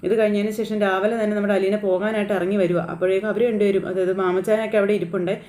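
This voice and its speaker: A woman retelling a TV serial episode in a casual, chatty way. She talks quickly and keeps checking in with the listener. Her voice is mellow and slightly dark. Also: medium pitch, level tone. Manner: chatty, tags lines with "you know". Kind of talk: casual spoken recap.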